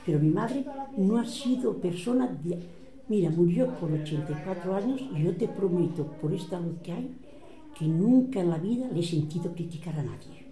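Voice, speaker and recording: A woman's voice: on the low side, expressive, normal speed, reverberant. An older woman with a Catalan accent tells family stories aloud and acts out the voices of the people she quotes. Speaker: relative recounting family history. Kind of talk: oral family storytelling.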